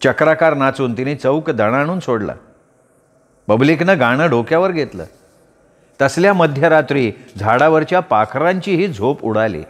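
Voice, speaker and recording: A man giving a vivid, dramatic storytelling reading of a rural novel. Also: mid-range voice. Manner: vivid, expressive narration. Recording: long hall reverb.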